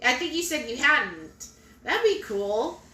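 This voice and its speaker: Chatty woman, bright voice. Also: sits high, sing-song, takes it slowly, recorded from a distance. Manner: chatty, reads viewer comments aloud. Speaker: live stream co-host. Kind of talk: casual live-stream chat. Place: home kitchen. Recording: echoey room.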